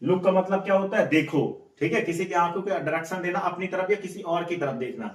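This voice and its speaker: A man with a high voice teaches a spoken English lesson, repeating each word and quizzing his listeners again and again. He sounds set back from the microphone in an echoey room. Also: brisk. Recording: echoey room, mic at a distance.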